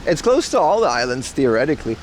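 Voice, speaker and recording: A man from Aruba with an American accent hosts a casual outdoor livestream, talking quickly in a sing-song, mid-range voice. His chat is rambling, slangy and playful. He's outdoors in a rural Japanese town on a rainy day, and the noisy street recording picks up passing cars, traffic and outdoor ambience.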